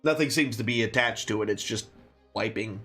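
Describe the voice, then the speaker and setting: A man narrating a tabletop game as game master, improvising in a casual, halting way. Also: on the low side, fairly bright tone, soft background music.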